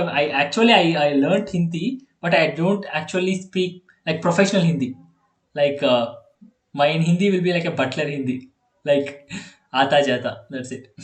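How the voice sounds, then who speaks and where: A young Indian man, a native Telugu speaker with an Indian accent, tutors a student in coding over a video call. His voice is on the high side, and he's hesitant, full of fillers and restarts, in this casual session with echoey call audio.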